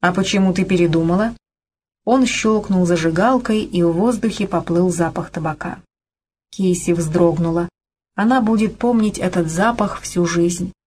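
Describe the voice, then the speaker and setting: Low-voiced woman narrating a romance. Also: measured pace, a little mellow, breathy edge. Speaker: audiobook reader. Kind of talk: scripted narration.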